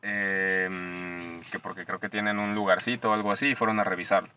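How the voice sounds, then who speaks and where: A young man with a Mexican Spanish accent tells stories on a podcast in loose, slangy talk full of swearing. His voice is bright and forceful. He sits a little back from the microphone. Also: on the low side, very fast, distant mic, faint music behind. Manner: slangy, animated, swears freely. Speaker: podcast co-host. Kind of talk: casual storytelling chat.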